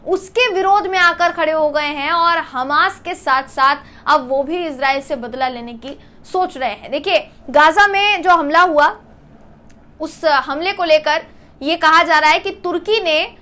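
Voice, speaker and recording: A woman news anchor with a high, bright voice, presenting the story earnestly. She explains the events to the audience and keeps calling the viewers her friends. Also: measured pace. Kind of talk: Hindi news presentation to camera.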